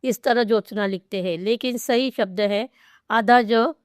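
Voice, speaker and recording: Woman, teacher, spelling lesson, careful explanations, slightly high voice, dry close sound. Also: clear, resonant tone, no room sound. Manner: slow, careful spelling out of word parts. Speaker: Hindi teacher.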